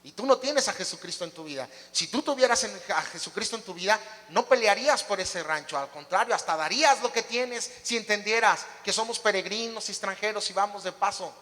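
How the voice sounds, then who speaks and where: High, bright-voiced emphatic pastor. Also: male voice, a little fast, few pauses, in a large hall. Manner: emphatic preaching with rhetorical questions to the congregation. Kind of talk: sermon. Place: church.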